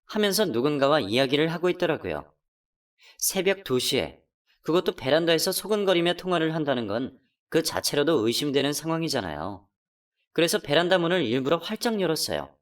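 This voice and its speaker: A woman plays a betrayed wife who tells her own story in a radio drama. Her pitch swings widely as she accuses and pleads. The mic sits a little distant. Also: sing-song, brisk. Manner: emotional, accusing, pitch climbing when upset. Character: betrayed wife, hurt and furious. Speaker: narrator and voice actor. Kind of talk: first-person radio drama narration.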